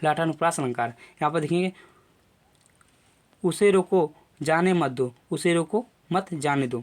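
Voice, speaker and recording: A young man teaches a grammar lesson in a slightly high voice. He goes through each point step by step and keeps repeating his phrases and fillers as he explains. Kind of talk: classroom lecture video.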